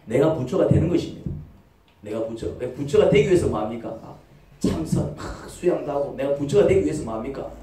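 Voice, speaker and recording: In a church sanctuary, a pastor delivers a sermon in a slightly high, warm voice, brisk and with lively intonation. He peppers listeners with rhetorical questions and voices short quotes dramatically, heard off-mic in an echoey hall.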